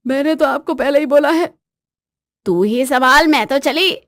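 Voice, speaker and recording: A nosy older aunt from next door who scolds loudly, as a woman puts her on. Bossy and theatrical, she sounds close and dry in the storybook telling. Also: high voice, unhurried, no echo. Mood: scolding.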